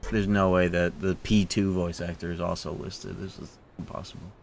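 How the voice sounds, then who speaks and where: A man's voice: deep voice, flat delivery, moderate pace, gravelly, a little hiss or hum. A man streaming a video game, chatting casually and rambling into rants with plenty of swearing. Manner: rambling, ranty, swears freely. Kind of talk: casual livestream chat.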